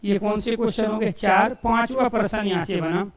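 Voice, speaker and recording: A male coaching teacher giving a Hindi grammar lesson for exam students, asking questions and answering them himself and repeating key phrases slowly as if dictating. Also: high voice, fairly even intonation, reverberant, recorded from a distance. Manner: addresses listeners as dear friends.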